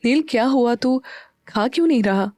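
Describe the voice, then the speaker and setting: A woman voicing a spoiled, hot-tempered young woman, with a shrill, indignant delivery. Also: lively intonation, normal speed, warm tone, no echo, clean studio sound, lightly acted. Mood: concerned.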